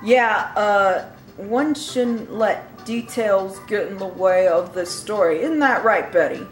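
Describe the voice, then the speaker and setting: A woman's voice: mid-range voice, takes it slowly, echoey room, soft background music, lightly acted. A woman voicing a boastful male inventor, reading game text aloud in a showman tone and now and then stumbling over words.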